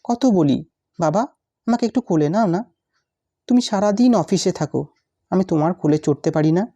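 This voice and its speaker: Brief: recited story; a lonely little girl, read by a woman, plaintive and pleading, low mellow tone. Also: normal speed, husky, muffled recording. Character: lonely neglected little schoolgirl, wistful.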